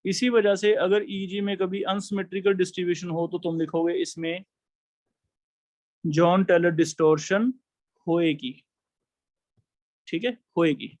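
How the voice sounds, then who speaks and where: High-voiced male chemistry teacher. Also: fairly even intonation, a little slow, pauses often, a little mellow, dry recording. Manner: explains step by step, asks students questions. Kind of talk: classroom lecture.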